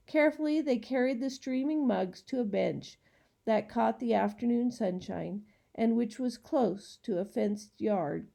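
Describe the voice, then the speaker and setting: A woman narrating a children's storybook in a gentle, unhurried reading style. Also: mid-range voice, creaky. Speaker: audiobook reader.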